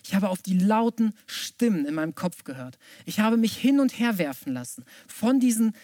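A woman's voice: medium pitch, big pitch swings, normal speed, warm tone, dry recording. A German-speaking woman preaching a sermon, reading scripture and then speaking personally, often dropping to a near-whisper before rising to urgent emphasis.

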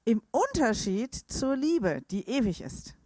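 A woman's voice: on the high side, sing-song, slow pace, darkish tone, no room sound, clean studio sound. A woman interpreting a sermon live into German, reading scripture and rendering each phrase with hesitations and self-corrections.

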